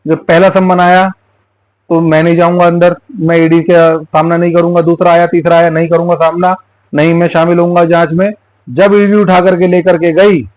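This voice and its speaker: A man's voice: high voice, a little mellow, dry recording, poor audio. Man with a raised, dry-voiced delivery. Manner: emphatic, repetitive storytelling. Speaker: YouTube channel host. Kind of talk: political commentary told through a folk tale.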